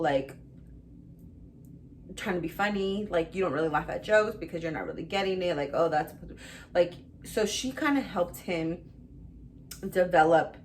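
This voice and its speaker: A woman's voice: fairly low pitch, slight background noise. A young woman reviewing books in a casual vlog, chatty and rambling, full of fillers and gushing about what she read. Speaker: book reviewer.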